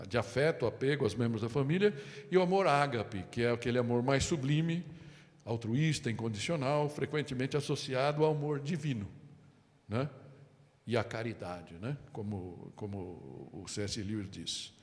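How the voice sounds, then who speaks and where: A man's voice: medium pitch, normal speed. A man preaching a sermon with a Brazilian Portuguese accent, telling stories with acted-out quotes and often turning to the congregation with "amém?". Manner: animated storytelling with acted quotes and asides. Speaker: pastor. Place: church hall. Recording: long hall reverb.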